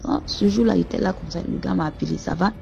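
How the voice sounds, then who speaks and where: Low gravelly-voiced woman telling a story. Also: quick pace, mellow. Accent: Cameroonian French. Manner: conversational, rambling with restarts and addressing the host. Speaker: caller telling a personal story. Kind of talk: casual spoken storytelling. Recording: muffled lo-fi audio with music behind. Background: faint background music.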